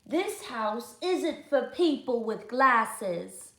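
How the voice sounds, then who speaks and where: Storybook role: bossy, stubborn small boy, played by a woman, high and emphatic, in a roomy space. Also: very animated, heavily acted. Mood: bossy, annoyed. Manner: loud, defiant, drawn-out emphatic refusals. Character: bossy, stubborn, selfish little boy guarding his house.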